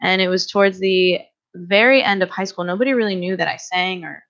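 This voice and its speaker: Chatting casually on a radio show from a small studio in a church, a musician in her twenties whose first language is Greek laughs frequently and fills with plenty of ums. She talks fairly quickly in a fairly low, fairly bright voice, captured with slightly dull lo-fi sound.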